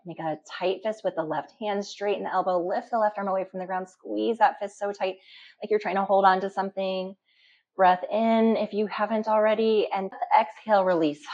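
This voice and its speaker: Calm and instructional, a woman guides a deep relaxation meditation as its instructor, letting slow pauses fall between phrases. The recording sounds dull and muffled, lo-fi.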